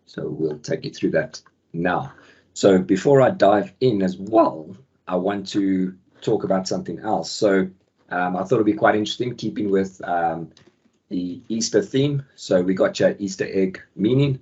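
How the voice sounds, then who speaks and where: At a measured pace, the flu-croaked, deep and husky webinar host walks through his software product over a video call. As product manager he keeps it relaxed, with lots of ums and friendly filler, though the call mic leaves him muffled.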